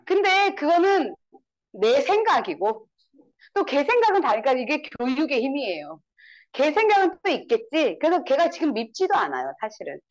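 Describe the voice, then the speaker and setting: Woman, thirties, high voice, very lively pitch, storytelling seminar talk, acts out quoted friends. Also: normal speed, dull audio. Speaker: network marketing speaker.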